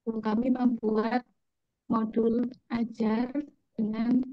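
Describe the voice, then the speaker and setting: A woman taking an oral exam and giving a polite, measured presentation with a few hesitations, her voice breaking up and glitching over a video call. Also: fairly high pitch, little pitch movement, no room sound. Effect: choppy, breaking-up video-call audio. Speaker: teacher candidate in an oral exam. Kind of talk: formal spoken presentation. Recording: dull lo-fi video-call audio, dry.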